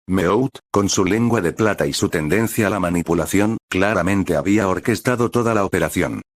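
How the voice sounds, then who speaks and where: A man reading a dramatic story aloud as a steady narrator. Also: on the low side, dry recording, studio quality. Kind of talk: scripted audiobook narration.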